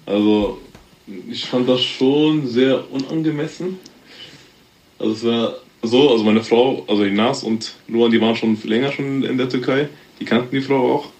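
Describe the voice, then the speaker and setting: A German man in his thirties, appearing as a podcast guest, chats casually in a loose, rambling way, full of fillers and laughter. His voice sits at medium pitch and moves at a moderate pace.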